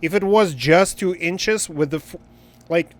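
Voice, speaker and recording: A man chats casually while livestreaming a game, blunt, joking and profane. His voice is high and his pace measured.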